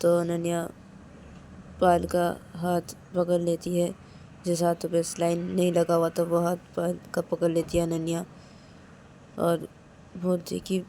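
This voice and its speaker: A woman's voice: on the low side, monotone, a little slow, long pauses, warm tone, a little hiss or hum. A woman narrating a story, repeating phrases and acting out the dialogue with feeling. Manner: emotional, repetitive, acts out dialogue.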